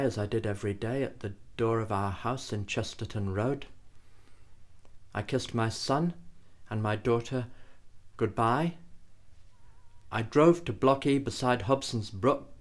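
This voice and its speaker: Slow, grave man reading poetry. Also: fairly low pitch. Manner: grave, measured recitation. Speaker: poet.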